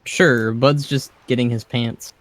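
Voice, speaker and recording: A man's voice: medium pitch, steady tone, unhurried, no echo. A man playing in a tabletop role-playing game, casually describing and voicing what his character does.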